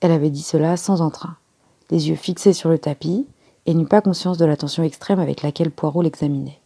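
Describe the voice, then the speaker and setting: A woman reading a detective story aloud in a steady, unhurried manner. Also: low-pitched, creaky, breathy edge. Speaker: reader. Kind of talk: audiobook narration.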